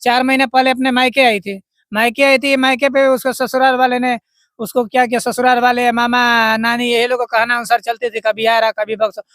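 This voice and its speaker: A man's voice: very high voice, little pitch movement, moderate pace, fairly bright tone, no echo, clean studio sound. A man from Bihar answering a reporter's questions about his missing wife, speaking plainly and repeating himself earnestly. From Bihar, India. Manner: plain, repetitive, earnest telling. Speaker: husband of missing woman, interviewee. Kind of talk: street interview.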